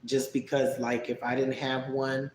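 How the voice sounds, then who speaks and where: Chatty man in an echoey room. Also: medium pitch. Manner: relaxed, chatty, drawn-out musing answers. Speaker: vlogger answering viewer questions. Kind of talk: casual live-stream chat. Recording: echoey room with faint background noise.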